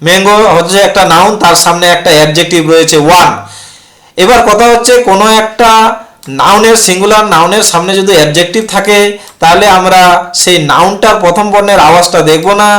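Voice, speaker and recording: A man's voice: high-pitched, fairly bright tone. A man teaching an English grammar lesson who keeps asking questions and answering them himself. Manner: repetitive, asks and answers his own questions. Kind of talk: classroom lesson explaining rules.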